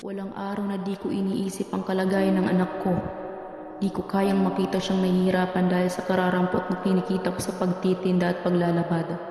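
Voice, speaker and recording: A woman's voice: on the low side, monotone, a little fast, mellow, natural voice. A woman playing a worried but resolute poor mother, speaking her thoughts as a voice-over in a short film. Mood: somber, resolute. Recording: very echoey, long reverb, music behind.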